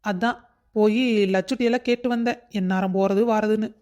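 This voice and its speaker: A woman's voice: mid-range voice, fairly even intonation, fairly quick, a little mellow, lightly acted. A woman voicing a crafty young daughter-in-law in a cartoon story. She sweet-talks and puts on tearful pleading. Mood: scheming. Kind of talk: cartoon voice acting.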